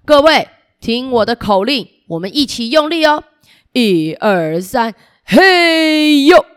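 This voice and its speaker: A woman's voice: a little high, lively intonation, normal speed, fairly bright tone. A woman voicing an earnest little insect shopkeeper hero while reading to small children, urgent and appealing to them. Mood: rallying. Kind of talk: picture-book read-aloud to small children.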